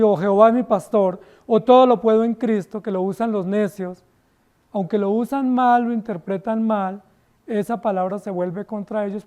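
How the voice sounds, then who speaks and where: A Colombian man preaches in a church, his voice pitched high yet soft and dark in tone. He is emphatic and keeps turning to the congregation with rhetorical questions. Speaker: pastor. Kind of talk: sermon.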